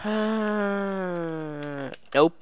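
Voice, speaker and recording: A woman giving casual gameplay commentary at her computer, goofy and chatty, breaking into excited cheers, on a desk mic. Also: on the low side, very slow, clean tone. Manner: excited squealing "yay" cheers and laughter; playful goofy broken phrasing. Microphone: desk microphone.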